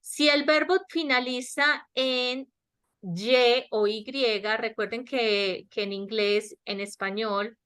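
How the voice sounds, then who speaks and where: A fairly high, clear and resonant voice with fairly even intonation and a fairly bright tone belongs to a woman teaching English grammar online. She speaks Latin American Spanish slowly, explaining and repeatedly checking comprehension, recorded on a webinar headset or laptop mic.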